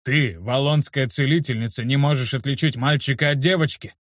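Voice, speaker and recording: A man voicing a gruff, irritable adult teacher who barks bluntly and coarsely, in a dull, dry recording. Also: mid-range voice, a little fast, no echo, pitched above the performer's own voice, close to an everyday voice. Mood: reasoning.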